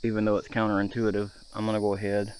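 Out in a forest by a shallow creek, an outdoor vlogger in his thirties talks relaxedly to viewers during his hike, captured on a handheld or body-mounted action camera. He speaks quickly in a low, monotone voice with a darkish tone. There's slight background noise.

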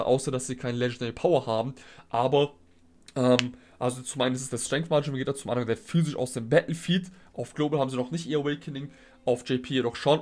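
A young adult man gives casual, conversational game commentary as a video host, thinking aloud and explaining in slangy everyday words. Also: mid-range voice. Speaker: gaming video host rating viewers' game teams. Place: small indoor room at home. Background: background music.

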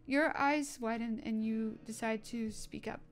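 A woman's voice: fairly high pitch, steady tone, a little slow. A young woman casually narrating a role-play story, stumbling into fillers and restarts. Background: faint music.

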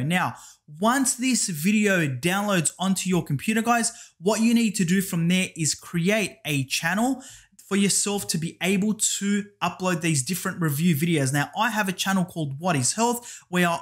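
A man with a high-pitched voice leads a screen-share tutorial. He talks through each step in turn and keeps saying "guys" and "over here". The delivery is casual and instructional. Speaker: YouTube tutorial host.

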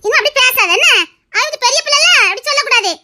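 A woman's voice: extremely high pitch, expressive, very fast, pushed and bright, full character voice. A woman with a Tirunelveli Tamil accent voicing a fussy, bossy middle-aged village aunt who scolds insistently. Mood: scolding.

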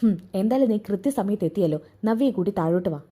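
A woman plays an authoritative older brother in a retold serial, firm and matter-of-fact. Her delivery is mellow and a touch husky. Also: mid-range voice, animated, quick pace. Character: authoritative older brother, calm head of house.

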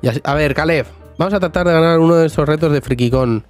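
A man's voice: on the high side, quick pace, no room sound, faint music behind. Chatty man streaming a game. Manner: chatty, jokey, talks to chat and to the sim. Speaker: streamer playing a life-sim game. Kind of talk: casual live gameplay chat.

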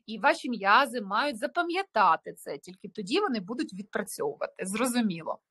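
Russian-native woman, French teacher on a video call, patient, keeps asking if you follow, fairly high voice. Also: animated, fairly quick, pushed and bright, slightly rough. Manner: explains patiently, checks understanding with tag questions. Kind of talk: online language lesson.

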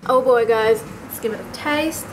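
A fairly high-pitched woman in her twenties talks at a moderate pace over heavy background noise. She's filming a casual cooking vlog on a handheld camera in her small apartment kitchen, chatting with bubbly enthusiasm and tasting the food on camera.

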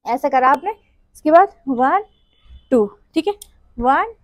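A dance teacher leads a class, counting beats aloud and sometimes singing along as she demonstrates. Her voice sits high for a woman. The sound is close and dry, with little room echo. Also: expressive, slow, faint music behind. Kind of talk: dance tutorial instruction with counting.

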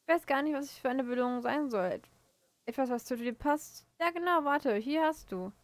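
A kind stable owner thanking a helper with a wry edge, read by a woman. Her fairly high voice is recorded dry and close. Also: expressive, normal speed, dry recording. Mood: grateful.

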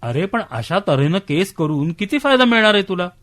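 An actor playing an elderly man who insists his son cares for him, talking defensively and dropping low and soft when he hedges. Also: sing-song, brisk. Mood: curious. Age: older. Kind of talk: radio drama acting.

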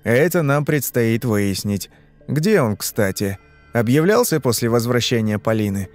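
A man's voice: mid-range voice, expressive, unhurried, darkish tone, faint music behind, lightly acted. A man voicing a stern, bearded male hypnotist in an audiobook, asking curt, demanding questions. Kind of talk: audiobook reading.

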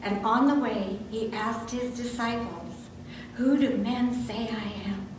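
An older woman with a fairly high voice reads slowly as a lay reader, giving scripted liturgy and scripture during a church service. She is in a medium-sized indoor sanctuary, recorded from a distant mic, so the sound is very echoey and noisy.

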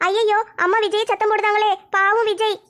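A woman voicing a shy, sweet young village daughter, pleading softly. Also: very high voice, flat delivery, brisk. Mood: worried.

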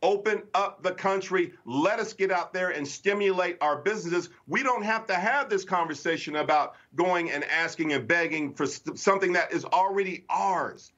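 A man's voice: high-pitched, normal speed, few pauses, a bit bright. Emphatic man on a dull news feed. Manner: emphatic, repeats the host's name often. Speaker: political commentator guest. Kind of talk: cable news interview.

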